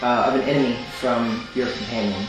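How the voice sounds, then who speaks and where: A man running a tabletop game as game master, calmly explaining rules and narrating. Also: mid-range voice, a little fast, recorded from a distance. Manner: calm, explains rules with fillers. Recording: very echoey room with faint music.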